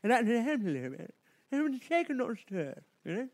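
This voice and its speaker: A man with a very high voice rattles through a story fast on his comedy podcast. He's animated and jokey, dropping into silly put-on voices along the way.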